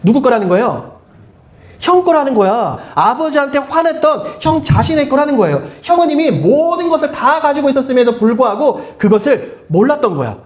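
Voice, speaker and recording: Lively, high-voiced pastor preaching to teens. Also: male voice, a little fast. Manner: asks the listeners many questions and leads group reading. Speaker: pastor of a middle-school youth group. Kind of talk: youth sermon. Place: church hall. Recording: echoey room.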